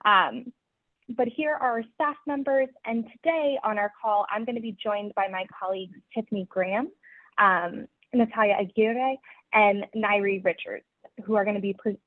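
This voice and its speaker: A woman's voice: medium pitch, no room sound. A woman program specialist introducing a webinar in a friendly way, with frequent hesitations. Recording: dry, phone-like call audio.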